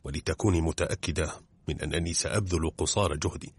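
Man doing a smooth-talking polite detective, deep husky voice, dry sound. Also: quick pace, dry recording, full character voice. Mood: courteous. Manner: courteous, coaxing. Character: polite, shrewd male detective. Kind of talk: audiobook drama reading.

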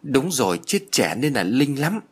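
A tactless young country man who speaks bluntly, as the narrator plays him. His voice is husky and lively. It comes from a spoken audio story. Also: mid-range voice, moderate pace. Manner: blunt, matter-of-fact.

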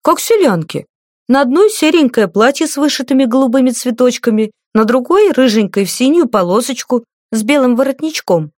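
A woman reading a young beardless male palace guard in an audiobook, reporting in a brisk, eager military manner. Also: sits high, expressive, darkish tone, dry recording, studio quality, pitched above the performer's own voice. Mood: flustered.

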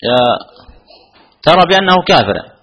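A man's voice: high voice, sing-song, normal speed, a bit bright, slight background noise. A man teaching a religious lesson, repeating his questions and pressing students to answer.

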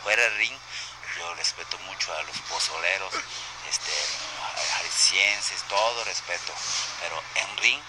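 A man with a deep voice and a Japanese accent speaks Spanish haltingly, full of fillers and restarts. He comes through a phone line under loud noise. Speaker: guest wrestler. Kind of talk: phone interview.

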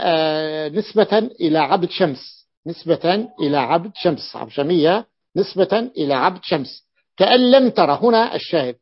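A man's voice: fairly high pitch, breathy edge. A man teaching a lesson, patiently explaining a classical grammar text and repeating key points for his students. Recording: dull lo-fi recording.

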